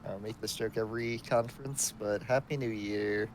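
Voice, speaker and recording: A man's voice: lowish voice, steady tone, normal speed, slight background noise. A man co-hosting a live stream, chatting casually with dry, brief jokes. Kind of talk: casual chat while watching a live stream.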